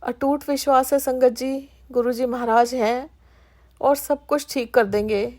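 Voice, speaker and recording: A woman's voice: high voice, steady tone, a little slow, darkish tone. A middle-aged woman telling a heartfelt personal devotional testimony, earnestly addressing the listening congregation.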